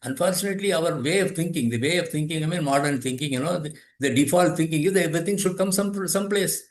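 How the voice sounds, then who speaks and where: A man's voice: on the high side, fast, reverberant. A man in his eighties, a guest explaining philosophy in conversation, thoughtful and often restarting and repeating his phrases. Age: 80s. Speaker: guest, yoga teacher and author.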